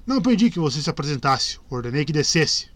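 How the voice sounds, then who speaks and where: A man's voice: on the high side, sing-song, quick pace, fairly bright tone, no room sound. A man voicing a grim middle-aged male witcher who gives short, commanding orders, in a dry close recording. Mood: stern.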